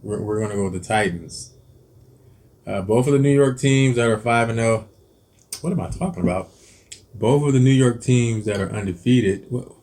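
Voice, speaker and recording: This cooking-channel host speaks at medium pitch and a moderate pace, his tone on the darker side. Eating as he goes, he rambles through football picks, hesitating often with ums, restarts and corrections of himself.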